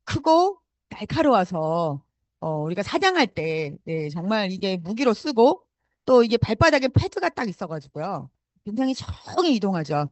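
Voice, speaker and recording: A woman's voice: medium pitch, big pitch swings, moderate pace, no echo, lightly acted. A woman voicing a proud male lion father explaining things to his son. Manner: boastful explaining.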